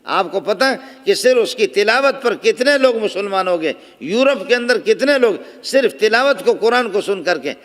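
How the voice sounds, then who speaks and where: A man delivers a storytelling sermon, his high voice rising for emphasis and dropping for asides. His voice rings out with a long reverb, as if recorded in a large conference hall. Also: animated. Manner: storytelling, impassioned, shifting between soft asides and raised emphasis. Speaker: religious speaker.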